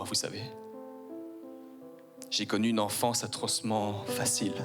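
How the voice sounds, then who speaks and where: A man in his forties with a Belgian French accent, performing a stand-up comedy set on stage, ironic and mock-posh. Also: medium pitch. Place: theater stage before a live audience.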